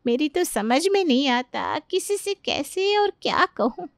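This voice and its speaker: A woman's voice: sits high, sing-song, measured pace, vocal fry, no echo, clean studio sound, heavily acted. A woman voicing an exasperated middle-aged mother-in-law in a cartoon, complaining and scolding her family. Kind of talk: cartoon voice acting.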